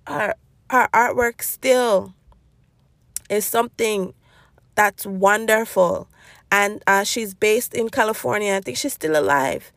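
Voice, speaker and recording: A woman hosts her own podcast alone, talking in a loose, rambling way and laughing often. Her slightly high voice is thick with gravelly fry. The sound is dry and close, with no room echo. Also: fairly bright tone. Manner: chatty, rambling, with frequent laughs. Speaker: podcast host. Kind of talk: casual solo podcast chat.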